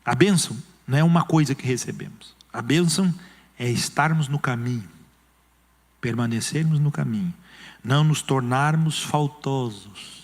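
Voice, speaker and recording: A man's voice: mid-range voice, moderate pace. A male pastor with a Brazilian Portuguese accent preaching an emphatic sermon, acting out quoted voices. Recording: long church hall reverb.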